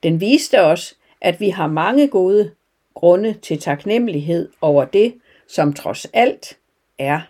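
A woman telling a parable and then reflecting on it in a calm, measured devotional talk. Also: lowish voice. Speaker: devotional speaker. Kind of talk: storytelling sermon.

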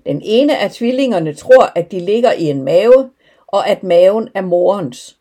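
A woman narrating an audiobook in a calm, measured first-person reading. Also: medium pitch. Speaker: audiobook reader.

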